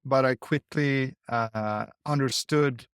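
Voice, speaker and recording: Thoughtful male guest from Sweden, mid-pitched, dry close recording. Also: fairly bright tone, clear, resonant tone, dry recording. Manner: thoughtful, halting with repeated words. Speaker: guest, investor. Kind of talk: conversational interview.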